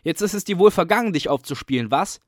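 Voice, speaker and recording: A man reading a story, voicing a defiant young male student who shouts hoarsely and jeers. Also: high-pitched, expressive, quick pace, no echo, studio quality, voice pushed up. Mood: triumphant. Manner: jeering, bossy shouting.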